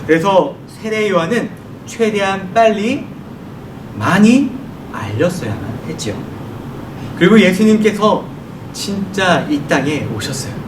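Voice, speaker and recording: High, lively man preaching to children. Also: a little slow. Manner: lively, asks the children questions and answers them himself. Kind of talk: children's sermon. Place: church worship room. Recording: echoey room from far off, noisy.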